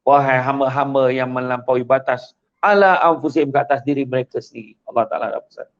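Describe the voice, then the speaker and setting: A man's voice: medium pitch, quick pace. A man with a Malaysian Malay accent giving a religious talk, telling a story with acted-out voices. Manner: animated, acts out story voices. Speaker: host giving religious advice. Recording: dull lo-fi sound.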